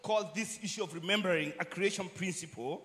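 A man preaching to a church congregation, his voice sitting notably high for a man. He delivers the sermon in short, measured phrases and stops after each one to leave room for an interpreter. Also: fairly bright tone.

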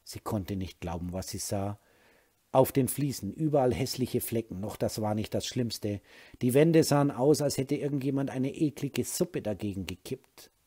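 A male narrator reading an audiobook with calm, even storytelling. His voice has a husky texture at an ordinary middle pitch. The delivery is steady and unhurried.

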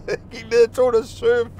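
A man with a very high, slightly mellow voice vlogs about his childhood in a casual storytelling style. He rambles and restarts, swearing and laughing often.

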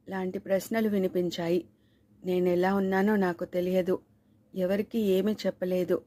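Woman reading a novel, mellow tone. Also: lowish voice, dry recording. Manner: steady, measured reading. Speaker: audiobook narrator. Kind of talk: scripted novel narration.

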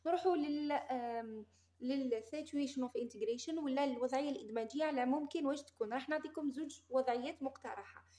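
High-voiced Algerian woman teaching English. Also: warm tone, roomy sound. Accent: Algerian Arabic. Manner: slow, careful modeling of English words, quick Arabic asides. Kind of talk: exam review lesson, mixing Arabic and English.

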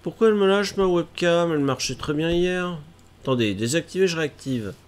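This live-streamer, a man in his thirties, is stuffy with a cold as he games and sorts out tech trouble from a gaming chair in his small room at home. He's chatty and self-mocking, and his fairly high voice is expressive and brisk.

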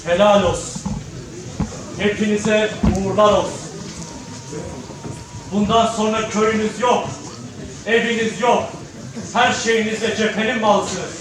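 A man's voice: sits high, fairly even intonation, measured pace, pauses often. A man playing a proud, ageing war veteran and father in a patriotic stage drama, declaiming solemnly in emphatic phrases. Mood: solemn resolve. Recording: very echoey noisy hall from far off.

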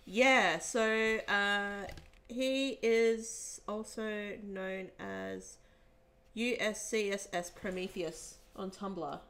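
A woman's voice: medium pitch, steady tone, drawn-out words, a bit bright. A woman hosting a giveaway draw in casual chat, reading names aloud and laughing often. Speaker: host drawing giveaway winners.

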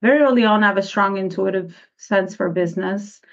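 A woman's voice: medium pitch, fairly quick, lo-fi sound. A middle-aged woman from Albania, a business coach, telling her story as a podcast guest in a reflective, rambling way. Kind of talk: podcast interview.

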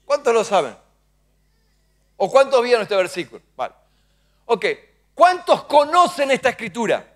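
A man's voice: extremely high pitch, very animated, moderate pace, long pauses, fairly bright tone. A pastor preaching a sermon, calling out to the congregation and acting out short dialogues in his stories. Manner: preaching with call-and-response to the congregation; acts out short dialogues in the story. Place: church sanctuary.

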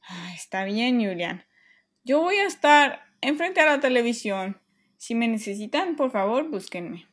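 A woman's voice: on the high side, very animated, unhurried. A woman voicing a tired, scolding mother in a children's toy play story. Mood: weary. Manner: weary scolding.

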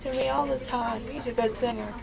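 A woman's voice: on the high side, fairly even intonation, fairly quick, creaky, low-quality recording. A young woman rambling in a childlike, groggy way after having her wisdom teeth out, loopy and numb-mouthed, in casual chat. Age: young adult. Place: small dental clinic recovery area, indoors. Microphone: handheld camera at close range.

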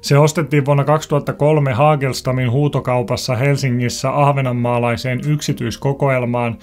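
A young man hosting an educational video, giving a calm, clear scripted narration and speaking directly to his viewers. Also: mid-range voice.

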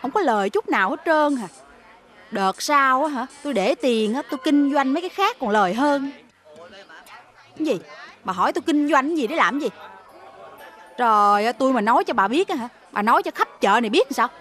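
An actress playing a sharp-tongued, middle-aged Southern Vietnamese woman who scolds her servant and dotes on her son, with a Southern Vietnamese accent. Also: expressive, fairly quick, soft background music. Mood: gossiping. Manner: shrill scolding and nagging. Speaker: domineering mother and market boss.

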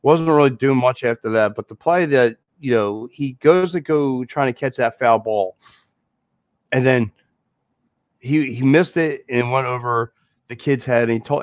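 This is a casual postgame sports podcast hosted by a man in his thirties with a Philadelphia accent, whose mid-range voice moves at normal speed as he rambles, repeats and restarts. Recorded via headset mic in a small indoor green-screen room, the sound is dry, dull and lo-fi.

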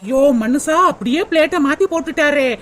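A snappy sarcastic cartoon daughter-in-law. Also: female voice, high-pitched, fairly quick, a bit bright, slight background noise. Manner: sarcastic, complaining. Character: sharp-tongued grumbling daughter-in-law.

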